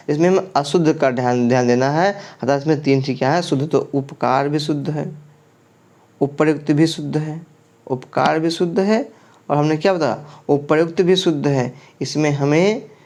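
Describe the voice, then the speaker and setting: A man's voice: fairly high pitch, a little mellow. A male teacher working through exam questions one by one, asking the class about each answer and then giving it. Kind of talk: exam prep lesson going through quiz questions.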